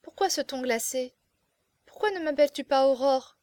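A woman's voice: high voice, normal speed, darkish tone, no room sound, lightly acted. A woman voicing a frightened young noble mother, trembling and tearful, in an audiobook. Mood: tender pleading. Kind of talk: audiobook character voice.

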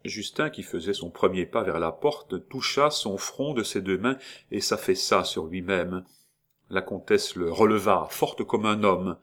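A man narrating a classic novel as an audiobook in a measured storytelling manner. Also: deep voice, fairly bright tone.

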